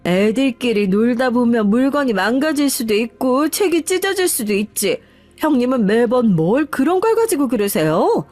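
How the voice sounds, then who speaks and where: A woman's voice: high voice, lively intonation, normal speed, no room sound, voice pushed up. A woman voicing a brash, rude younger sister-in-law who talks down to everyone in a mocking, dismissive way. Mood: scornful. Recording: faint background music.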